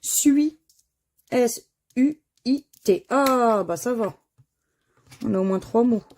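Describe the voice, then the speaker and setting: A woman's voice: on the high side, takes it slowly, darkish tone, slight background noise. A woman commenting casually as she scratches lottery crossword tickets, reading out words and letters one by one and sighing when they miss. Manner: reads out words and letters one by one, sighs at misses. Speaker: scratch card vlogger.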